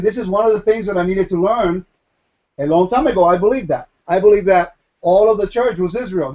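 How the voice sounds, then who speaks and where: The Puerto Rican Torah teacher speaks in a high voice with a darkish tone over lo-fi sound. In this Q&A Bible session, he emphatically asks questions and supplies the answers himself.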